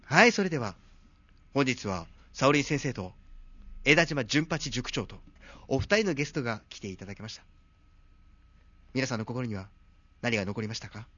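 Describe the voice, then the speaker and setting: A man's voice: mid-range voice, expressive, normal speed, pauses often, a bit bright, dry recording, muffled recording. A man hosting a comic talk show, polite in his wording and wryly teasing. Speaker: host.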